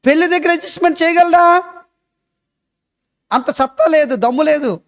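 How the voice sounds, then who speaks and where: A man's voice: very high-pitched, moderate pace, fairly bright tone. A male pastor with a Telugu accent, preaching a sermon full of rhetorical questions and repeated emphatic phrases.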